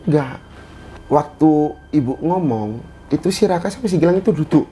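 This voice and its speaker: A man's voice: a little high, lively intonation, moderate pace, dark tone, faint music behind. A man from Indonesia telling a story in a casual chat, in short bursts of phrases. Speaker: guest storyteller.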